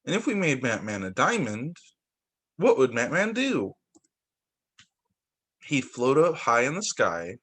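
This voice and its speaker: At a measured pace with long pauses, a husky young man with a medium-pitched voice reads aloud to kids. As a preschool teacher at story time, he gives the rhyming picture books a sing-song, expressive reading, recorded via video call.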